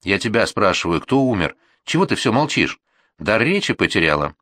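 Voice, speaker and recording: A man's voice: lowish voice, sing-song, moderate pace, a bit bright, dry recording, studio quality. A man voicing a hot-tempered middle-aged father in an audiobook, brusque and blustering. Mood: angry. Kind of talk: audiobook reading.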